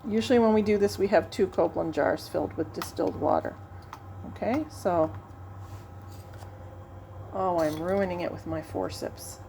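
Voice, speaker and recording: A woman's voice: fairly low pitch, slight background noise. A woman instructor demonstrating a lab procedure to students, chatting and thinking aloud as she works, sometimes moving away from the mic in a teaching lab.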